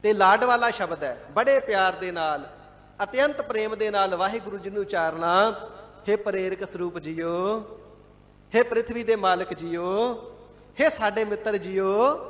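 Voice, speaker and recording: A man with a high voice gives a devout sermon, explaining scripture phrase by phrase in a measured way. Now and then he slips into a brief chant of a verse. His voice carries a long reverb from a large hall. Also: a bit bright. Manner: devout, measured, repeats and glosses words, sometimes chants verses. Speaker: Sikh scripture expounder. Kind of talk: line-by-line scripture exposition sermon.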